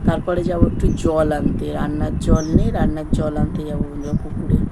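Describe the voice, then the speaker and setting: A woman's voice: low-pitched, level tone, fast. A woman, chatting to viewers as friends while doing chores and cooking at her rural home, filmed on a phone. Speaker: vlogger. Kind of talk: casual daily-life vlog narration. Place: rural home, kitchen and yard. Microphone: phone camera. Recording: loud household noise behind voice.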